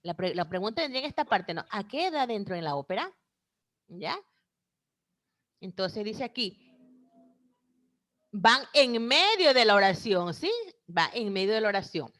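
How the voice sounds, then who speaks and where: A woman's voice: medium pitch, big pitch swings, moderate pace, pauses often, a bit bright. A woman teacher giving an online class over a video call, explaining step by step and checking in with "¿sí?" and "¿no?".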